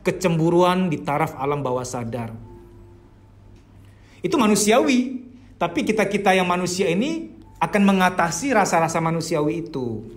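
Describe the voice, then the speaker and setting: A man giving a casual psychology lecture as a therapist, acting out the inner voices of his clients. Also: high voice.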